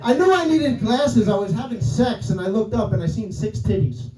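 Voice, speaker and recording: Heavy background noise and audience laughter surround a New York comedian in his thirties whose voice is high and animated, moving at normal speed. His profane, brash set involves constantly checking in with the crowd through "right?" and "guys," and the club sound is roomy and distant.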